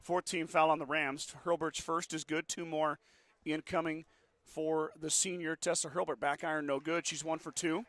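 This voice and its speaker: A man with a sore throat does play-by-play for a local basketball game. His voice sits a little high and climbs as the action quickens. He speeds through the sponsor ads in between plays. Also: flat delivery, fairly bright tone. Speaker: play-by-play announcer. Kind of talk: local radio basketball commentary.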